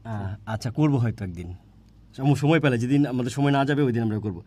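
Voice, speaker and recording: A man's voice: medium pitch, fast, darkish tone, slight background noise. A man teaching a grammar class online, repeating points and asking questions he answers himself. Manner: repetitive, asks questions and answers them himself.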